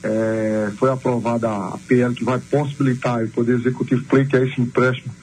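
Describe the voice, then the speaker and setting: A man's voice: medium pitch, level tone, brisk, darkish tone, slight background noise, low-quality recording. A man, a council president speaking on the phone to a radio show in formal political talk with many hesitations. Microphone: phone line.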